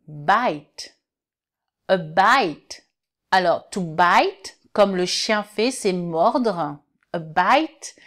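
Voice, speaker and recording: Woman teacher, very slow and careful delivery, patient repetition of words for learners. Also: mid-range voice. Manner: patient, repeats words slowly and clearly for learners. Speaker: English teacher. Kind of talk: online language lesson.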